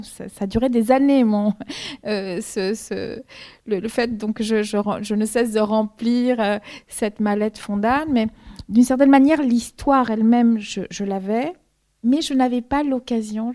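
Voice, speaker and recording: A woman's voice: fairly high pitch, mellow. Woman author from Argentina, native Spanish speaker, hesitant bookshop-talk answers, full of restarts. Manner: hesitant, many repeated words and restarts.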